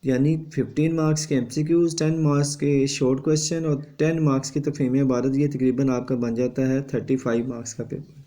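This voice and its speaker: Flat, mellow-voiced male teacher. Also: mid-range voice. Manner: steady lecturing, repeating a confirming tag after each point. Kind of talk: exam revision lesson.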